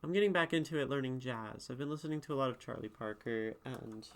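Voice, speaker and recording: Speaking fast in a rumbling low voice, a female streamer and poetry critic casually works through her chat messages. Her replies are thoughtful but rambling, with frequent restarts.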